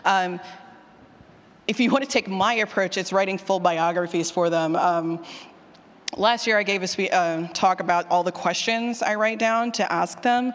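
At moderate speed and in a mid-range voice, a onetime college teacher presents a writing workshop as a conference talk with audience questions. The delivery is animated, informal, and emphatic, and questions get repeated aloud. Hall reverb colors this live talk from an indoor session room.

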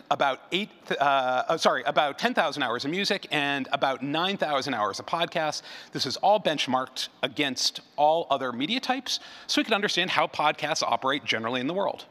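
Speaking a little high, bright and forceful, a man gives a conversational conference presentation as an advertising researcher. The hall at this live event is large and reverberant, and he frequently backtracks to repeat himself.

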